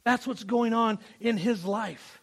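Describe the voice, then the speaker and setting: A man preaching a sermon in a strikingly high voice. He is emphatic and repeats his phrases, swelling loud and then falling quiet. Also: takes it slowly, creaky, husky. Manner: emphatic, repeats phrases, rises and drops in volume. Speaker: pastor.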